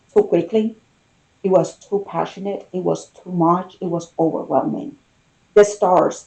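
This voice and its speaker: A tarot reader with a mellow, relaxed voice gives an intimate, conversational reading. The delivery is slow and musing, broken into short phrases with unhurried pauses. The pitch sits in a middle range. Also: low-quality recording.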